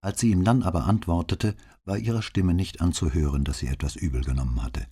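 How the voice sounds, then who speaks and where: Very deep, husky male audiobook narrator. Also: a little fast, warm tone. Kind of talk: scripted narration of a crime novel.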